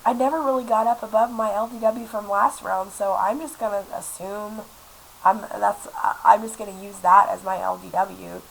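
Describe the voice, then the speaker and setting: Her voice is mid-range and gravelly, steady in tone and moderate in pace. A congested, unwell vlogger in her twenties, she talks casually to the camera from a small apartment, rambling with plenty of fillers, recorded on a laptop webcam mic with faint hiss and lo-fi quality.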